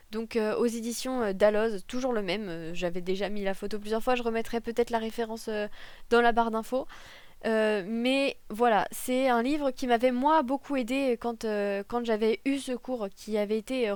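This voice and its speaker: Young woman, casual vlog chat, lots of ums and self-corrections, joking asides; smooth clear voice, dry close desk mic. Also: a little high, dry recording. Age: young adult. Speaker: political science student. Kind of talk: casual talking-head vlog. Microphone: desk microphone.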